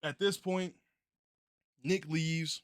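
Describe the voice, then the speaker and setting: A man's voice: on the high side, fairly even intonation, drawn-out words, dry recording, clean studio sound. A young man telling a story in a casual, laid-back way, full of profane slang.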